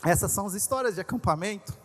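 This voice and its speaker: A man pastor telling a personal story in a sermon, animated and conversational, with asides to the crowd. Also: high voice, fast. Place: large congress hall. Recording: long reverb of a large hall.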